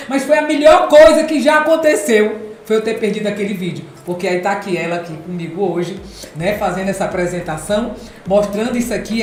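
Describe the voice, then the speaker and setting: A woman from the Northeast hosting a podcast, speaking emphatically and repeating phrases for effect, with a deep contralto quality. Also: a little hiss or hum. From Ceará, Brazil. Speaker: podcast host and speaking coach. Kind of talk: casual podcast chat. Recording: echoey room, soft music behind.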